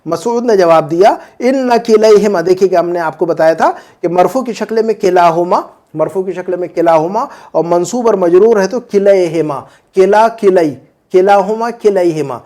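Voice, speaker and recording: A man teaching an Arabic grammar lesson, repeating word forms slowly and checking in with listeners as he explains. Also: high-pitched, mellow. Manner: frequent "hai na" checks with listeners.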